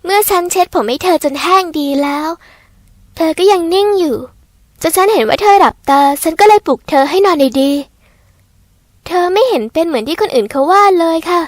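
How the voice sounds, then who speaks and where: A woman reading a first-person audio novel aloud in a gentle, polite storytelling manner. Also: very high voice, animated, moderate pace, dry recording, clean studio sound.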